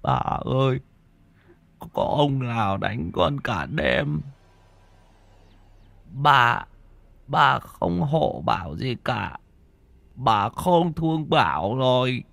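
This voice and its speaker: A man voicing a sick, frightened little boy who talks weakly, slowly and softly in a narrated ghost story. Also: mid-range voice, big pitch swings, gravelly, dry recording, pitched above the performer's own voice, exaggerated voice. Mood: pitiful. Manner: weak, slow, soft.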